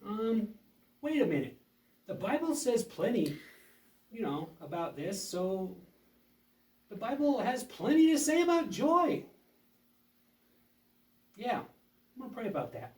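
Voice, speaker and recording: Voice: medium pitch, very animated, takes it slowly, pauses often, darkish tone. A performer voicing a cheerful, trusting young boy puppet who speaks reassuringly and a little hesitantly in a children's show. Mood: hesitant, hopeful. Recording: roomy echo, distant mic.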